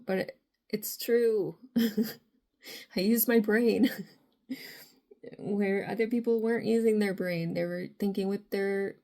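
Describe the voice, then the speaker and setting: A woman with a raspy voice giving a rambling tarot reading to viewers, full of filler phrases. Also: mid-range voice, warm tone. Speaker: tarot reader.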